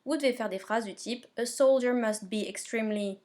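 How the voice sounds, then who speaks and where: A woman's voice: fairly high pitch, normal speed, darkish tone. A woman teacher guiding pupils step by step through their remote English homework, often checking they follow. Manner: patient, step-by-step, checks understanding. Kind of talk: remote lesson instructions.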